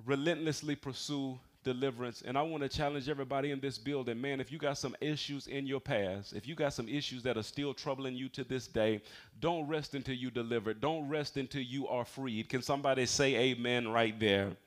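Preaching to a congregation in a church building, a pastor in his forties with an American accent blends personal testimony with emphatic, conversational calls for amens. His mid-range voice moves briskly with fairly even intonation.

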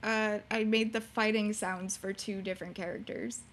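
A young woman, a streamer and beginning voice actor, chats casually as a podcast guest in a high, youthful, fairly bright voice. She's bubbly and giggly, speaking at a moderate pace with fairly even intonation.

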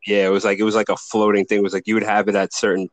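A man's voice: lowish voice, monotone, racing, no room sound. A man hosting a podcast over a call, chatting loosely with lots of swearing. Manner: loose, profane storytelling. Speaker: podcast host. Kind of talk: casual chat.

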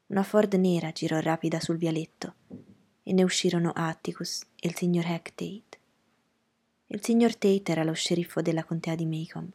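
A woman reading a novel aloud in a calm, measured, soft-spoken way. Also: on the low side, breathy edge. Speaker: audiobook reader.

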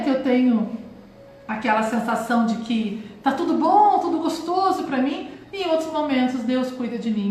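A Brazilian woman in her forties, hosting a reflective spiritual talk and often calling her listeners "gente". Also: a little high. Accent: Brazilian Portuguese. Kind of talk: live-streamed motivational talk. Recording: very echoey room, faint hiss.

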